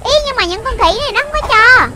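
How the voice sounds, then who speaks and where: A childlike, very high voice delivers fast, excited commentary on a children's video game as it's played. Exclamations and repeated short phrases pile up, with loud music in the background.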